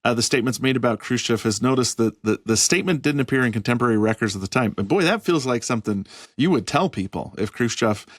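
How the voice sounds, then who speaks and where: A man co-hosting a history podcast, explaining points in a measured, thoughtful way with occasional fillers. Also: mid-range voice, no echo, clean studio sound. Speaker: podcast co-host. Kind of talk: casual history podcast chat.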